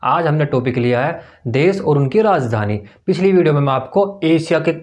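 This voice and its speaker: A man's voice: fairly high pitch, lively intonation, moderate pace, darkish tone. A male teacher giving an exam-prep lesson at a board, asking and answering his own questions and repeating every point. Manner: explains memory tricks with small acted dialogues. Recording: dull lo-fi recording.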